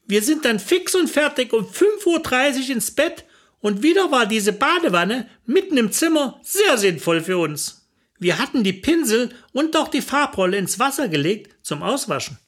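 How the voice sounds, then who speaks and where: A woman's voice: fairly high pitch, big pitch swings, measured pace. A woman narrating a comic personal story in a chatty, wry manner.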